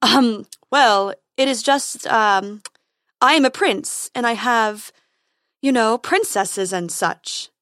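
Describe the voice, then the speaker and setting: A woman voicing a pompous young prince who calls out loudly and high. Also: expressive, slow pace, dry recording. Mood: nervous. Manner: loud, declaiming. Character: pompous young prince, loud then nervous.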